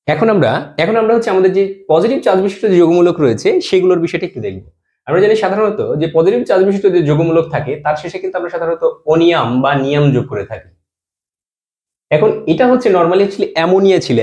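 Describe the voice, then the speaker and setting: The speaker is a man teaching chemistry, his voice fairly high with a dark tinge. He lays out the material step by step, responds to his own questions, and brings his voice down as each compound name ends.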